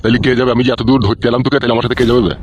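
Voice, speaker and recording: A man voicing a foul-mouthed, furious middle-aged village father in a comic dub, yelling abuse nonstop. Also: mid-range voice, flat delivery, close to an everyday voice. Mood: angry. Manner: rapid abusive yelling.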